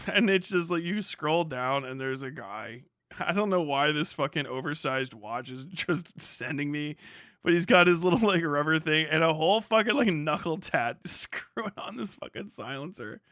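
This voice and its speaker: This livestreamer fires off exasperated, expletive-heavy commentary as he watches videos. He has a fairly bright voice on the high side, and the sound is clean studio audio with no echo.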